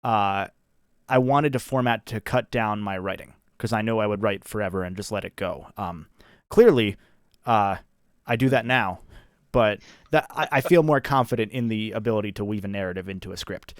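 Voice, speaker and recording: Low-voiced man chatting on a livestream. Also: clear, resonant tone, no room sound, clean studio sound. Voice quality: practised character speaking voice. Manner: deliberate, halting, self-correcting. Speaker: video creator hosting an anniversary livestream. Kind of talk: casual livestream chat.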